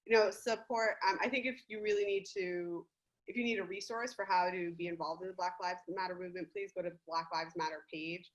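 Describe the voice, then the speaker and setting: A young woman from the United States, a guest on a casual podcast, talking in an animated, gushing way and laughing often. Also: on the low side, brisk, dull audio.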